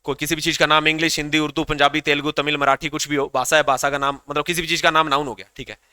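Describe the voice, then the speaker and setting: A man's voice: fairly high pitch, little pitch movement, fast, bright, forceful tone, clean tone, dry recording, studio quality. A man teaching an English grammar class to students, asking questions and repeating the answers back.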